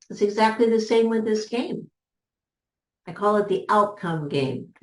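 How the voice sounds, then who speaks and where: A woman coaches business owners in an unhurried, measured way, repeating key words to drive them home. Her voice sits on the lower side, and the recording has a noticeable room echo. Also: a little mellow. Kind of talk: motivational teaching talk.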